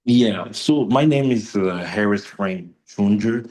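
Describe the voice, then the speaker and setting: A man's voice: lowish voice, takes it slowly, a little mellow. A man from Cameroon telling his story as a guest in an interview over a video call, hesitant and plain-spoken. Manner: hesitant, simple phrasing with fillers.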